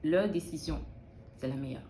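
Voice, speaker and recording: Young woman, from Benin, low pitch, warm tone, thoughtful and halting, roomy echo. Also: slight background noise. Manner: thoughtful, hesitant with many restarts. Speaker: interviewee, student in early childhood education. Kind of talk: casual interview answers.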